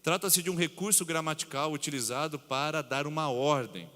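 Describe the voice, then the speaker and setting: A man in his thirties from Brazil, preaching a sermon as pastor, reading scripture slowly and low before pressing his points with rising emphasis. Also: sharp tone. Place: church sanctuary. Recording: long church reverb.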